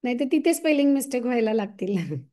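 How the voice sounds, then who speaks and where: A woman with a high voice explains a lesson to parents. She stops now and then to ask whether her listeners follow. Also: big pitch swings, fast, mellow. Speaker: co-presenter restating the lesson.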